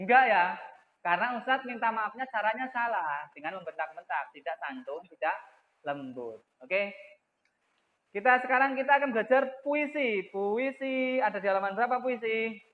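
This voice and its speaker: A man's voice: high-pitched, lively intonation, moderate pace. Man teaching young kids over a video call. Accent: Indonesian. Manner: patient, repeats words for young pupils. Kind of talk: online class teaching. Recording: echoey, phone-like video call audio.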